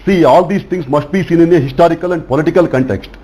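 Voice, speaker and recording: A man's voice: fairly high pitch, fast talker, warm tone, husky, low-quality recording. A man from South India, a journalist, arguing insistently on a TV news debate and tagging his points with "okay?". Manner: insistent, argumentative, keeps adding "okay?". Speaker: journalist panelist.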